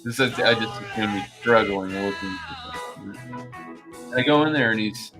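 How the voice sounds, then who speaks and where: Over music, a man with a fairly low voice rants at a brisk clip, chatting in a blunt and profane way.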